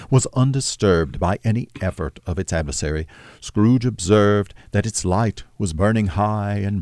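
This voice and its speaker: A man narrating a classic novel as an audiobook, with measured, steady storytelling. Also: deep voice, no echo, clean studio sound.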